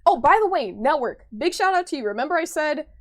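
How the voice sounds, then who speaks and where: A young woman with an American accent, chatting casually with her stream viewers in an animated, chatty way. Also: sits high, fast talker. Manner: chatty, animated retelling, frequent laughter.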